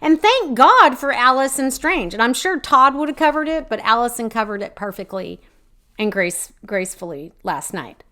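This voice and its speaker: Hosting her own podcast, a woman rants indignantly about local politics in casual commentary that rambles, swears and is full of fillers and restarts. Her voice is on the high side with big pitch swings, a sharp tone and a normal speed.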